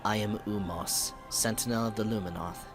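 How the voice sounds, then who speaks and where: Solemn male alien sentinel, read by a man: slow, formal, low-pitched, over game music. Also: steady tone, lightly acted. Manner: slow, measured, grave delivery.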